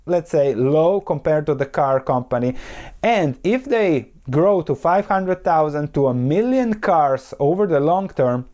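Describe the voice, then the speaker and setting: Mellow-voiced podcast host. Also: male voice, a little high. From Croatia. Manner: analytical, poses rhetorical questions and answers them. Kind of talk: solo investing podcast commentary.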